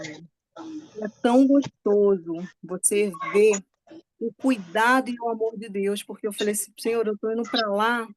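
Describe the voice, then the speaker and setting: A woman telling a group about her faith in an eager, rambling way that keeps checking in with her listeners. Her voice sits in a middle pitch. The sound is dry and close, with little room echo. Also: darkish tone. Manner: fervent and chatty, often asks "né?". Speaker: guest speaker sharing a testimony. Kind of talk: religious testimony to a group.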